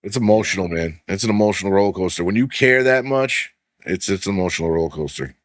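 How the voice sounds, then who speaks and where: Deep-voiced and fast, the man runs a casual sports podcast where he curses freely, says "like" constantly, and reads stats out loud. The recording is dry with clean studio sound.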